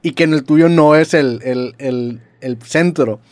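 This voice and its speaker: A man's voice: fairly high pitch, a little slow, a little mellow, no room sound. A young man hosting a casual podcast chat, talking in a chatty way with many restarts. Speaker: podcast host. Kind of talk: casual conversation.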